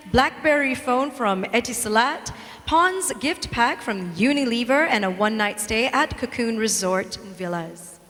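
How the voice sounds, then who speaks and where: A woman's voice: fairly high pitch, a bit bright. A woman presenting a beauty pageant live on stage in a formal, polished manner. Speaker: pageant host. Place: large event hall stage. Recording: reverberant hall, event music.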